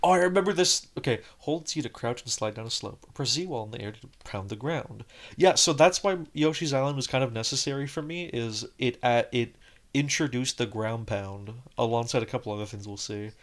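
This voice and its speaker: A game streamer with a mid-range voice talks briskly over game music, giving casual let's-play commentary. He rambles, restarts often, and keeps filling gaps with "like."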